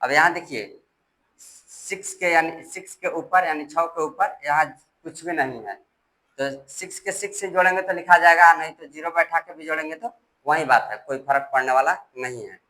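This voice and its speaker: A man's voice: a little high, moderate pace, pushed and bright, rough recording. A man teaching decimal addition step by step, patient and repetitive, reading digits aloud one by one. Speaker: math teacher. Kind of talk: step-by-step classroom explanation.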